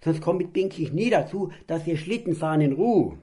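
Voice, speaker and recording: A man's voice: on the high side, animated, moderate pace, mellow, husky, pitched above the performer's own voice. A man voicing a boisterous young boy in a children's storybook reading, cheeky and exclaiming.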